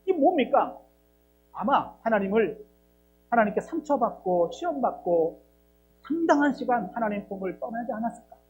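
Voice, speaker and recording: A man's voice: high voice, lively intonation, normal speed, a little hiss or hum, poor audio. A man preaching a sermon as pastor, acting out dialogue and asking rhetorical questions. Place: church.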